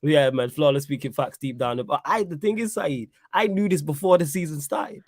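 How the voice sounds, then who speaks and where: A man's voice: on the high side, moderate pace, darkish tone, no echo, studio quality. A man giving a casual football reaction, emphatic and repeating himself for effect. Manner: emphatic, repeats "you know what I'm saying". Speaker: football pundit.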